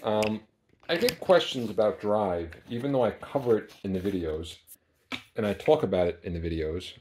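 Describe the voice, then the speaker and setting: A man's voice: fairly low pitch, animated, moderate pace, darkish tone, slight background noise. A man casually demonstrating equipment in a small workshop, plain-spoken with frequent ums, speaking off camera. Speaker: amplifier builder demonstrating equipment.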